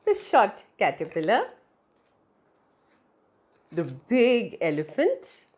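Wearing a lapel mic in a small indoor room, a middle-aged storyteller with an Indian accent speaks straight to young children. Her mid-range, slightly mellow voice moves slowly and swings hugely in pitch as she tells her stories expressively.

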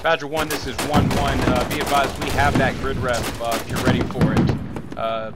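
A man's voice: mid-range voice, little pitch movement, moderate pace, heavy background noise. A man leading a squad in a military game, giving clipped procedural orders and artillery fire calls. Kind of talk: military radio commands, artillery fire call. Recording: loud game gunfire and clicks.

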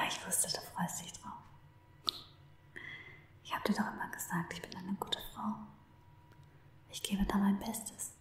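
Whispering close to the microphone, a woman acts out an obsessive stalker in love, murmuring tenderly to the person she holds captive in an unhurried, breathy way. Her voice is medium in pitch and darkish, the sound is roomy, and it stays close to how she'd normally talk.

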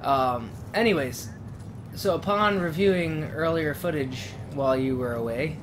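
A man hosting a casual let's play, joking around and reading the game's text aloud in a deadpan way. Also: on the high side, unhurried, noisy background. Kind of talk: casual gameplay chat.

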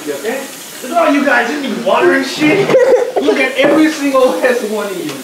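A man's voice: extremely high pitch, very animated, a little fast. A young man bantering casually with friends in teasing slang, with plenty of swearing. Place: home kitchen indoors. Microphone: handheld camera at a distance. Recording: noisy echoey room, distant mic.

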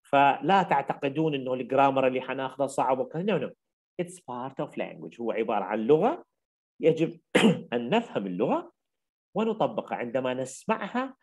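A man's voice: medium pitch, darkish tone. An older man with an Iraqi accent, lecturing university students and explaining step by step while repeating key phrases. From Iraq. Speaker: English teacher.

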